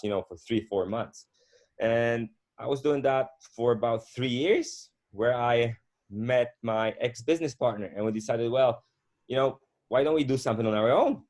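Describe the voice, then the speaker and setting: A middle-aged man from Poland, telling his story as a guest in a casual conversation, unhurried and full of fillers. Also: medium pitch, darkish tone. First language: Polish. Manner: unhurried, with frequent fillers and restarts.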